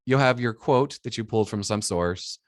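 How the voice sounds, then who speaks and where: A man's voice: fairly low pitch, moderate pace, dry recording, studio quality. A man giving a classroom lecture as an English instructor, dictating examples item by item and naming each punctuation mark. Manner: often ends points with a checking "right?". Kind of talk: classroom lecture on citation rules.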